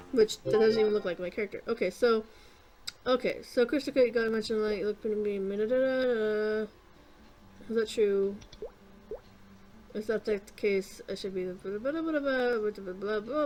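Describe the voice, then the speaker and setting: A woman casually narrating her gameplay, rambling with lots of fillers and casual swearing, clearing her throat and coughing often. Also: mid-range voice, a little mellow, a little hiss or hum. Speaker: gaming YouTuber.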